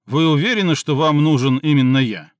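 A man voicing a sleepy, irritable man in an audiobook reading, slightly hoarse and sarcastic, sometimes barking. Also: on the high side, fairly quick, no room sound, studio quality, natural voice.

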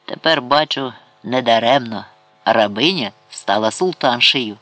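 A man's voice: medium pitch, a little slow, pushed and bright. A man voicing a drunk, arrogant grand vizier who talks in a mocking, brash way in an audiobook. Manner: mocking, brash, then pleading.

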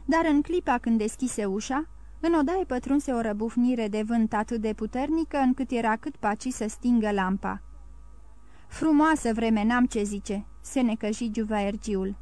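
Woman, audiobook narration, measured, fairly high voice, dry close sound. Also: warm tone, dry recording.

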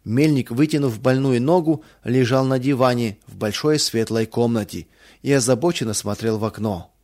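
Man narrating, children's bible story, gentle reading, mid-pitched voice. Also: moderate pace.

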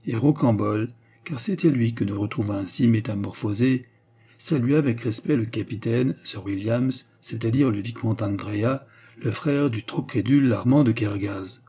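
A man narrating an audiobook in an even, measured reading. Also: mid-range voice, breathy edge.

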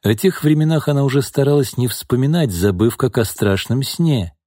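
A man reads the narration of an audiobook in a steady, measured way. His voice is slightly husky and mid-pitched. The sound is close and dry, with no room around it. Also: no room sound. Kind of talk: scripted narration.

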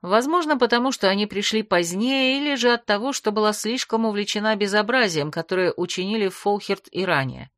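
Woman reading a fantasy audiobook, first person, expressive, dry close mic. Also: mid-range voice, a little fast, few pauses, no echo. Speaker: audiobook narrator.

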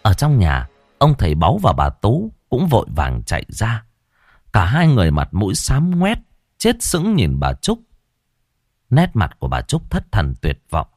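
A man's voice: fairly low pitch, huge pitch swings, moderate pace, no echo, clean studio sound. A man narrating a scripted audiobook in a solemn, dramatic storytelling manner. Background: soft background music.

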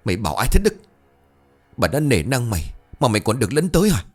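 A man voicing a frightened, scheming sister-in-law who stammers in a shrill voice. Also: very animated, fast talker, faint music behind. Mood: defensive.

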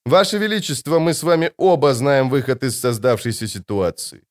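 A man voicing a defiant, commanding young male leader in an audiobook reading, declaiming with a raised, forceful voice. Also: mid-range voice, brisk, lightly acted.

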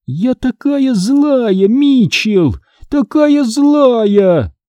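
A man voicing a vengeful ghost of a fourteen-year-old girl with a slow, eerie drawl, recorded dry and close. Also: very high voice, big pitch swings, mellow, no room sound, pitched above the performer's own voice, heavily acted. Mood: gloating.

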